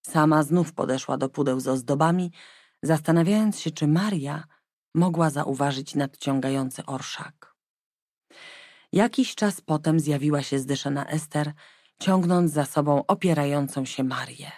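Brief: female audiobook narrator, low voice, measured storytelling, dry booth sound. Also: darkish tone, dry recording. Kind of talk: scripted narration.

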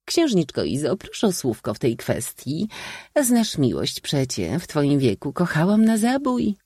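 A shrill, theatrical old maid aunt, as a male reader puts her on teases and proclaims from her perch with a lively, swooping delivery. Her voice leaps high and rings dry and close in this storybook reading. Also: measured pace, husky, no room sound, heavily acted. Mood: teasing. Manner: shrill, teasing and declamatory. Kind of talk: audiobook reading.

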